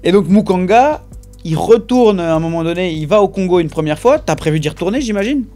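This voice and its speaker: Relaxed male interview host. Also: high-pitched, fairly quick, soft background music. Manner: relaxed, encouraging, short agreements. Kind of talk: casual interview questions.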